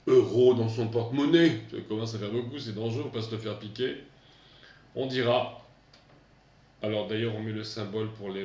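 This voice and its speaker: Middle-aged male teacher, lowish voice, halting delivery, roomy distant dull recording. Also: darkish tone. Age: 50s. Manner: hesitant, repeats words for pupils to echo. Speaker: English teacher. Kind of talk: remote classroom lesson.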